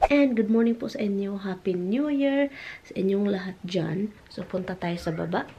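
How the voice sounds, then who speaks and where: A woman's voice: medium pitch, expressive, normal speed, warm tone, lo-fi sound. A Filipino woman with a Visayan accent, chatting casually to her viewers in a home vlog. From Philippines. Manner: chatty, mixes English and Filipino freely. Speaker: vlogger. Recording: noticeable background noise.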